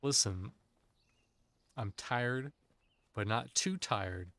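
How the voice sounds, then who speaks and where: A man's voice: mid-range voice, extremely slow, fairly bright tone, dry recording. A man streaming an online game with friends, chatting casually in a playful, jokey, self-teasing way into a desk microphone. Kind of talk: casual gaming chat.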